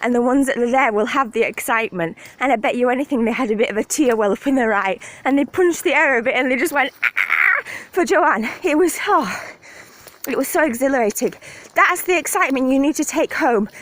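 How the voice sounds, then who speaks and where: An excited, out-of-breath woman gives a gushing motivational pep talk to her phone camera while walking her dog outdoors. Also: sits high, fairly quick. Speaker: network marketing team leader.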